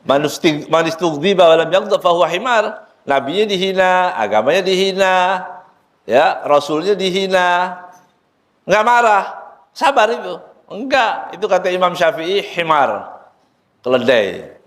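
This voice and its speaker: A man's voice: measured pace, pauses often. A man, an ustadz, giving a sermon at a book study in a prayer room. He recites Arabic lines and then explains them, and he jokes with the listeners as he goes. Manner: joking, lively swings in pitch, quotes Arabic then explains.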